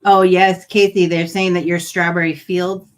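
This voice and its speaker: A woman's voice: on the low side, flat delivery, moderate pace. A woman in casual chat, speaking playfully and teasing.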